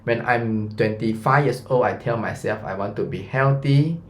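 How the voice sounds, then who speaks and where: Speaking at medium pitch and a moderate pace, a Malaysian English-accented science teacher in his thirties talks through revision and keeps asking his students questions. His manner is chatty, peppered with "lah" and "mah." There's an echoey room and a little hiss or hum.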